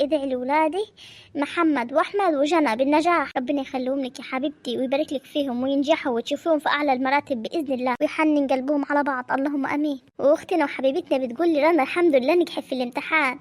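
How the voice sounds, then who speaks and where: A woman with an Egyptian accent closing her cartoon video, greeting viewers affectionately and praying for them. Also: sits high. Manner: affectionate, prayerful. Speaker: cartoon channel creator. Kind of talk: warm video outro with prayers for viewers.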